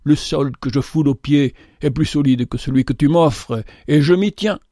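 A man's voice: fairly high pitch, normal speed, dark tone, no echo. A man reading aloud, putting on a stubborn older brother from a storybook tale. He scoffs with pinched irony in a raised, sharper voice, and the sound is close and dry. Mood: scornful. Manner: scoffing, ironic.

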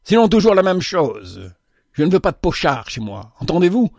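A man voicing a gruff, bad-tempered middle-aged male boss who scolds and shouts at his staff. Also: on the high side, moderate pace, no echo, clean studio sound. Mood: furious.

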